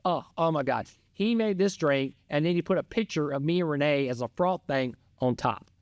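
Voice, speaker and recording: A middle-aged man co-hosts a podcast in loose, casual chat. He rambles through his story with excitable energy, in a somewhat high voice recorded close and dry. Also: moderate pace, no echo. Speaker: podcast co-host.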